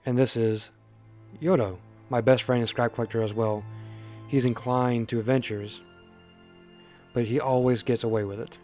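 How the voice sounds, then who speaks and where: A man's voice: medium pitch, fairly even intonation, moderate pace, pauses often, dark tone, soft background music. A man hosting a let's play, reading a game's story text aloud in a plain voice and breaking off for joking asides. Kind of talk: casual game reading commentary.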